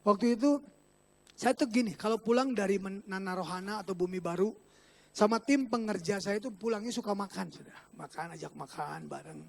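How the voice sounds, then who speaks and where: A male pastor with a Sundanese-inflected Indonesian accent preaching a church sermon, animated and joking, swinging between loud exclaiming and quiet asides. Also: sits high, a little fast, creaky. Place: church service.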